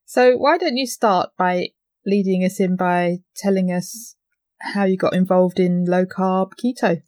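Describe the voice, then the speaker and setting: A woman's voice: fairly low pitch, fairly even intonation, unhurried, darkish tone. A woman hosting a podcast, introducing and questioning a guest. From Essex, England. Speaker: podcast host. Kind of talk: scripted introduction and interview hosting.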